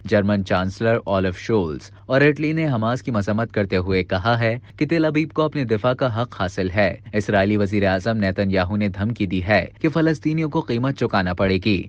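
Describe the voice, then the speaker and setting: A man reading a scripted news voice-over in an even, formal delivery. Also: fairly low pitch, no echo, highs cut off. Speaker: news narrator.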